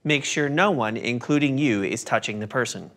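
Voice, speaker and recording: A man narrating a scripted first-aid lesson in a calm, step-by-step instructive manner. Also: mid-range voice, normal speed.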